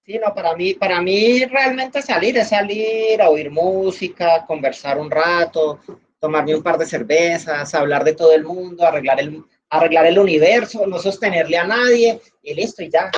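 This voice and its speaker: A woman's voice: lowish voice, normal speed. A woman with a Valle Colombian accent teaches an online class. She talks in a chatty way, leans on everyday examples and uses plenty of fillers. The sound is dull and lo-fi, like call audio. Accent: Valle del Cauca Colombian. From Valle del Cauca, Colombia. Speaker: instructor.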